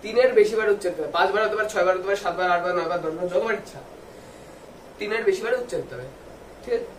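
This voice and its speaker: A man with a high voice gives a video lesson for students. He spells words out slowly, letter by letter, and answers the questions he asks. He sounds distant from the mic in a roomy space with faint noise behind him. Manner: asks the viewers questions and answers them himself. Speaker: English tutor.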